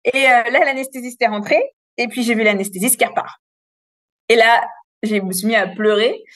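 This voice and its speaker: Woman in her 30s telling her story, kinda high voice, lots of euh, dry close sound. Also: normal speed, no room sound. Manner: animated, frank storytelling with many fillers. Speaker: interview guest. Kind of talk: casual birth story.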